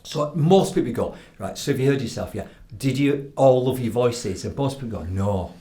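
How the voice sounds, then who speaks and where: A man's voice: mid-range voice, moderate pace. A man with a Yorkshire accent, a professional speaker giving advice as a guest in a casual podcast chat, acting out little quotes and checking in with "right?". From Yorkshire, England. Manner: animated storytelling with acted quotes, frequent "right?". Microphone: studio podcast microphone.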